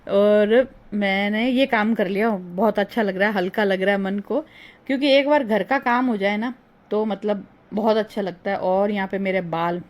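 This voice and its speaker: A middle-aged woman chatting through a casual vlog voice-over, rambling and homely, her voice a little hoarse. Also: medium pitch. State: slightly hoarse. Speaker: vlogger. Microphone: phone.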